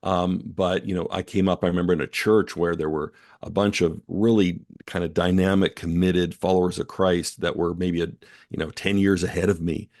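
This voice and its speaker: A man speaking as a guest on a podcast interview, earnest and reflective, often pausing with "um" and "you know.". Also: low-pitched, level tone, a little mellow, no room sound, clean studio sound. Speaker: guest author and editor.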